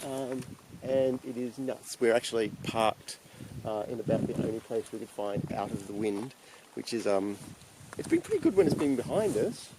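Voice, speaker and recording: A man's voice: mid-range voice, animated, moderate pace. A man chatting casually as a travel vlogger, talking over the wind on an exposed, windy hilltop. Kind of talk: casual travel vlog chat. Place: outdoors on windswept open high plain. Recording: loud wind noise on outdoor microphone.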